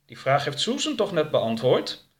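A man's voice: fairly high pitch, wildly swooping pitch, moderate pace, pitched above the performer's own voice. Man playing a stern, pious activist in a storybook, lecturing tone. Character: stern, pious middle-aged male activist.

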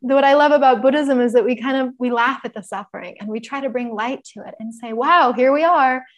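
Animated, laughing woman with a high voice. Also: fast talker. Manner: animated, laughs often, shifts between bright emphasis and soft reflective tones. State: mild sniffles. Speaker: podcast guest. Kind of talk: casual conversational chat.

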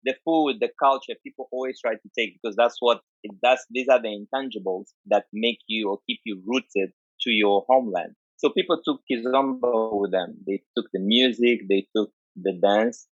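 A man's voice: lowish voice, moderate pace, no echo, muffled recording. A man with an Angolan accent gives an informal, conversational explanation, stressing points by repeating and listing. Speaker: dance culture speaker.

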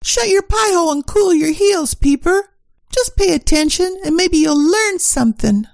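A woman's voice: high voice, animated, measured pace, gravelly, no echo, studio quality, exaggerated voice. A woman playing a sassy, bossy detective's secretary full of tough slang in a comic radio play.

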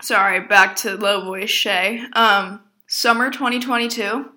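A woman's voice: mid-range voice, steady tone, a little slow, bright, forceful tone. A young woman co-hosting a podcast, chatting casually in a bubbly way. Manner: bubbly, laughs often. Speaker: podcast co-host. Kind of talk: casual chat.

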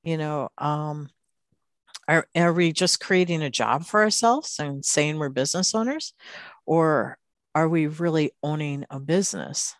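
Low-voiced woman hosting a podcast. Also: a little slow, no room sound, clean studio sound. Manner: warm, inquisitive, laughs easily. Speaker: podcast host. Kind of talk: conversational podcast interview.

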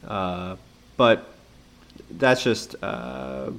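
Lower-voiced man, hesitant podcast co-host. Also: sing-song, very slow, fairly bright tone, clear, resonant tone. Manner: hesitant, many fillers, laid-back. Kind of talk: casual sports betting chat.

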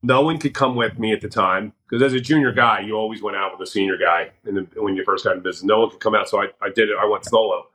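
A man from the US Northeast tells stories from his sales career as a podcast guest. His voice sits on the low side, and his delivery is frank and conversational. He slips into his own quoted lines as he goes. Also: quick pace, few pauses, sharp tone, rough recording. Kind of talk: casual podcast storytelling.

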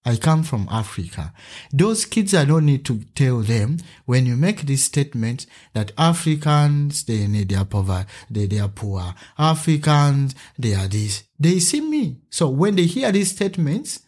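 A man from Uganda, a teacher and podcast guest, talking in an animated conversational interview style. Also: a little slow. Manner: animated storyteller, acts out a child's voice with a higher pitch.

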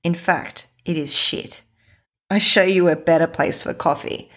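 A woman's voice: lowish voice, steady tone, measured pace. A woman voicing a friendly Italian man in his late fifties who talks in insistent, broken English.

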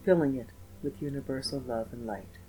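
A man narrating a scripted guided meditation in a slow, gentle, soothing manner with pauses. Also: mid-range voice, rough recording. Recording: voice over meditation music. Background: soft instrumental music with guitar.

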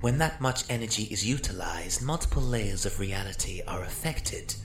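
A man's voice: on the low side, animated, moderate pace, close to an everyday voice. A man playing a sardonic, theatrical psychic magic-user, narrating an audio drama with wry mock politeness. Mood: wry, boastful. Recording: roomy echo, faint noise.

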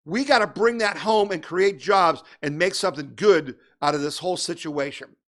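A man with a somewhat high-pitched voice holds forth as a political radio host. He rants with exasperation and conviction, throwing out rhetorical questions as he delivers his opinionated monologue. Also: normal speed, a bit bright.

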